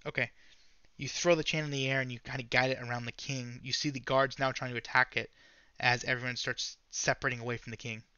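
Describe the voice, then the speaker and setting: A man narrating and ruling a tabletop game at a quick clip, his voice sitting a little high and sounding bright and keen. The recording is dry and slightly dull, with no room sound. He gives brisk rulings and hands out checks. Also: flat delivery, smooth, dry recording. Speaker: game master. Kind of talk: running a tabletop game over voice chat.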